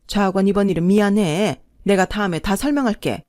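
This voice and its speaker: A woman's voice: medium pitch, brisk, a little mellow, no echo, natural voice. A woman voicing a flustered, scheming older mother-in-law who talks defensively, recorded dry.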